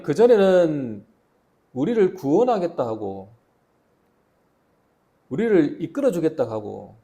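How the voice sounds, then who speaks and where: A man who is a pastor, preaching a sermon with animated delivery that rises and falls sharply. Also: fairly high pitch.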